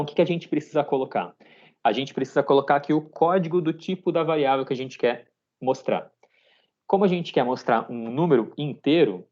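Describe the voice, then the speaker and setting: A man in his thirties, a teacher walking students through code step by step in a live online class and often checking in with a quick "tá?". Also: medium pitch, a little mellow, muffled recording. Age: 30s. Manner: explains step by step, ends phrases with a checking "tá?". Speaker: programming teacher.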